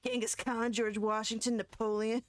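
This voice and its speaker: A woman's voice: on the high side, level tone, moderate pace, no echo. A woman streamer chatting casually and giggling while she plays through a game. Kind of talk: casual chat while gaming.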